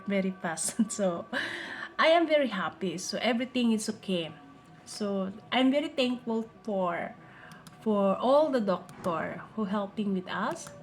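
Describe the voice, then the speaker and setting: A woman from the Philippines whose first language is Filipino, telling a personal story in simple English and repeating her phrases. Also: medium pitch. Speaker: vlogger. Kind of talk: personal testimony vlog.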